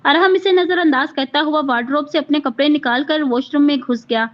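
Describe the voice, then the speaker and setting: Cast note: female novel reader, high voice, steady storytelling, dull lo-fi recording. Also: fairly quick. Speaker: novel narrator. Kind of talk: reading a romance novel aloud.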